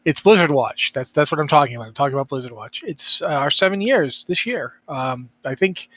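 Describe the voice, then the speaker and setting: A man's voice: fairly high pitch, animated, a little fast, a bit bright. A man hosting a casual podcast, rambling and interrupting himself with a wry streak. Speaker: podcast host.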